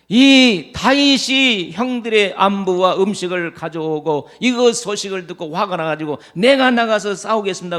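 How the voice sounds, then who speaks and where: High-voiced pastor preaching with call-and-response. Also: male voice, a bit bright. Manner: leads the congregation in call-and-response, acts out quoted lines. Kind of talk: sermon.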